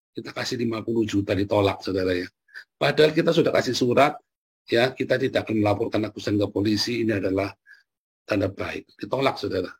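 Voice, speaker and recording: Husky-voiced male pastor preaching. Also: mid-range voice. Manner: chatty, keeps addressing listeners, chuckles often. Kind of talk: conversational sermon.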